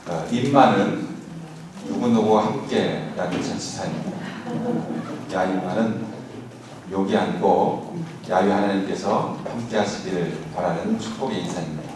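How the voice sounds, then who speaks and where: A man's voice: low-pitched, normal speed. A middle-aged man, a seminary professor, giving a conversational church lecture on scripture with many fillers and asking the audience to repeat words after him. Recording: echoey hall, voice from far off, clear room noise.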